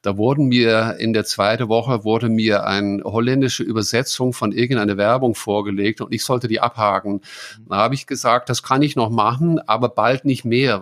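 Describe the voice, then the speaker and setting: A middle-aged man from the Netherlands with a Dutch accent, explaining in a casual chat, thoughtful and halting with many fillers. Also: medium pitch, steady tone, a bit bright. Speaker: guest expert.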